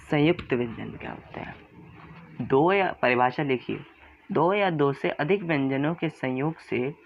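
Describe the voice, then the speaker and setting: Male grammar teacher, gravelly voice, quizzes and answers himself, dull lo-fi recording. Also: medium pitch. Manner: repeats sounds slowly, asks and answers own questions. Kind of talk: classroom-style explanation.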